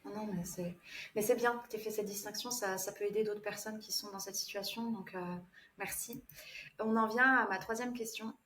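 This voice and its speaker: Calm woman host in a roomy recording. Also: medium pitch, normal speed, a little hiss or hum. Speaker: podcast host. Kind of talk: conversational interview.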